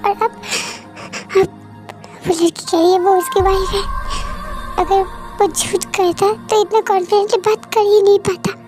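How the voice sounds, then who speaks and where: A woman's voice: very high-pitched, flat delivery, normal speed, pauses often. A woman playing a betrayed, tearful young woman. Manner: accusing, tearful, shouting. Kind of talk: fan-dub audio drama. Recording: music playing behind.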